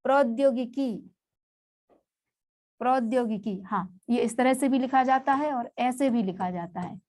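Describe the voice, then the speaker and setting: A woman teaches a spelling lesson for exam students with a fairly high voice. She works through one word at a time. She says each term again so the class can follow. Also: a little slow, a little mellow. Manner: patient, explains word by word and repeats each term.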